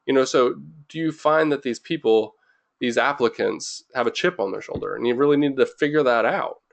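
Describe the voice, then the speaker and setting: A man's voice: medium pitch, normal speed, creaky. A young man hosting a webinar in an informal, rambling way, full of fillers and restarts, a little jittery from too much caffeine. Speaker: webinar host.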